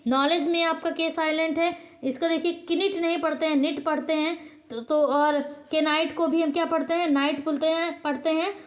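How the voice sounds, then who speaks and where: In a lesson for her viewers, a woman with a light, high-pitched voice quizzes herself aloud, answering each question immediately to drive the point home. She hesitates a lot and often corrects herself in the middle of a word.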